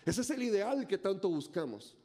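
A man's voice: sits high, very animated, moderate pace, mellow. A male pastor preaching a dramatic sermon, acting out voices and firing off rhetorical questions.

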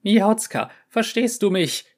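A man playing a frantic male inventor trapped in a cat, yowling and hissing, high-pitched, storybook reading. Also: animated, takes it slowly. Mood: pleading.

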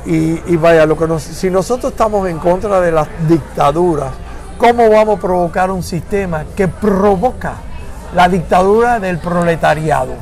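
A man's voice: sits high, normal speed, darkish tone. An older man from Florida in a conversational interview, talking emphatically and searching for words, at times slipping into English. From Florida, United States.

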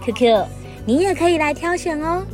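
A woman playing a friendly, expressive big-sister museum guide in a children's audio story. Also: high voice, normal speed, faint music behind. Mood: cheerful. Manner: chatty, expressive, sentence-final particles.

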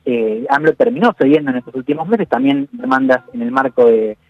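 Man, radio analyst; measured and thinking aloud, dull dry line. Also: medium pitch, expressive, no echo, faint music behind. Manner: measured, analytical, peppers speech with "digo". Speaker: political analyst. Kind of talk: radio interview commentary.

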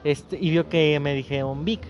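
A man's voice: a little high, normal speed, lo-fi sound. A man with a Mexican Spanish accent, chatting casually as a podcast co-host and acting out the people in his stories. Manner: animated storyteller, acts out quoted people. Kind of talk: casual chat.

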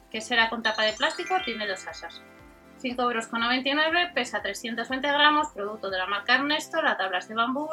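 A woman with an accent from Spain hosts an informal product rundown in a high, strikingly bright voice. She goes item by item through details and prices, with music behind her. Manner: reads out specs and prices item by item. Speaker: host of a shopping video channel.

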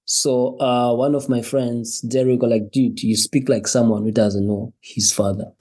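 On a podcast, a man from Zimbabwe shares his personal story, faltering, repeating words, and breaking into laughter between phrases. His mid-range voice is warm and slightly rough, with a flat delivery.

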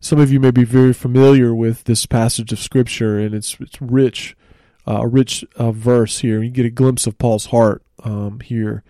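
A man hosts a church teaching podcast in a relaxed, conversational way, often pausing on fillers. His voice is mellow and warm at a middle pitch. The studio sound is dry and close. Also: dry recording. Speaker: church ministry host.

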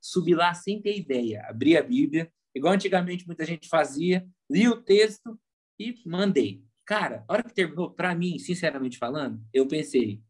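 Man, Brazilian Portuguese accent, pastor, lively storyteller, somewhat high voice, casual podcast chat. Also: moderate pace, slightly rough. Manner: animated storyteller, acts out quoted voices.

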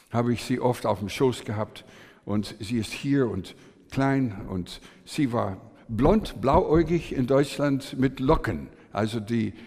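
An older male preacher tells family stories in an animated, hesitant way, his voice rising and dropping, with many fillers and restarts. His voice sits in a mid register. A long hall reverb trails after each phrase. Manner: animated storytelling with lively swings in pitch and loudness. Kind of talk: sermon.

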